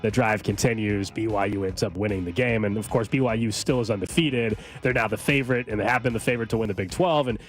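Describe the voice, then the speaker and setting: A man's voice: lowish voice, quick pace, few pauses, soft background music. A man hosting sports talk in a casual, conversational style. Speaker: sports radio host.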